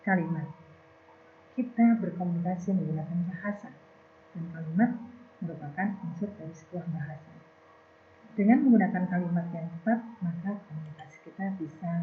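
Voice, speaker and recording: A woman teaching a grammar lesson, explaining step by step and trailing off softly at the ends of phrases. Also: fairly low pitch. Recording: tinny phone-like recording.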